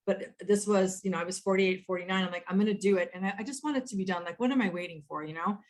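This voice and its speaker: A quick, rushing woman in her fifties talks over a video call, her delivery animated as she acts out her own past remarks. Her sentences often break off and restart, with a pitch sitting mid-range for a woman. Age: 50s. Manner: animated, quotes herself, frequent restarts. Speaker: guest, author and entrepreneur. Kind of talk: conversational storytelling.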